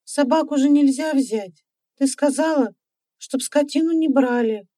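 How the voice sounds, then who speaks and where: A woman's voice: high voice, unhurried, dark tone, no echo, clean studio sound, pitched above the performer's own voice. Woman voicing a serious little girl. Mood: earnest. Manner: earnest.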